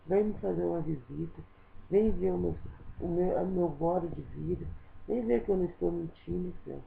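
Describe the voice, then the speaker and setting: A woman's voice: fairly low pitch, creaky. Pleading woman, tinny lo-fi recording. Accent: Minas Gerais Brazilian Portuguese. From Brazil. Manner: pleading, repeats phrases. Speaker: video appeal maker. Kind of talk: emotional home-video plea. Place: her home, indoors. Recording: tinny lo-fi home recording with faint noise.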